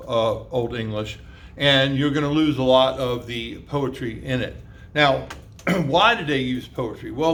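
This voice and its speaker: A man teaching a class, lecturing in a conversational way with lots of fillers and rhetorical questions, spelling words out letter by letter. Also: medium pitch. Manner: spells words out letter by letter and sounds out old pronunciations.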